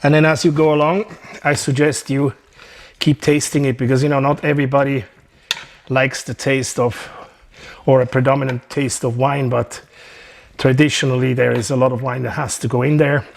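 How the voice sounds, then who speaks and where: A man's voice: mid-range voice, normal speed, creaky. A man with a Swiss accent, a chef chatting and joking through a cooking demonstration in his home kitchen. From Switzerland. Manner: chatty, joking, relaxed instructions.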